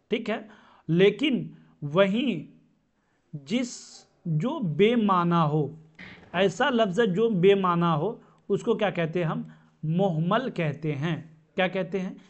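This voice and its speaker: A man teaching a grammar lesson, who asks questions and answers them himself and repeats each term. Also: sits high. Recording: dull lo-fi sound.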